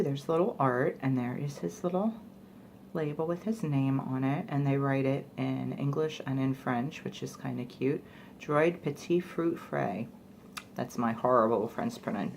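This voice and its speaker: A woman's voice: extremely low pitch, slight background noise. A young woman chatting casually through a product review, rambling with fillers like "like" and "you know". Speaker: beauty vlogger.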